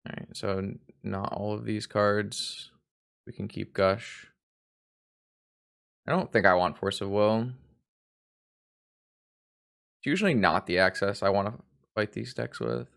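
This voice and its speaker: A man's voice: fairly low pitch, unhurried, gravelly, pauses often, a bit bright. A hungover man giving rambling, self-deprecating live commentary on a card game stream, swearing casually.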